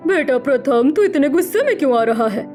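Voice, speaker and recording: A woman's voice: high voice, lively intonation, brisk, faint music behind. Woman playing a frail, worried old mother. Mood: pleading. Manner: soft, pleading, worried. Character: ailing elderly mother, gentle and pleading.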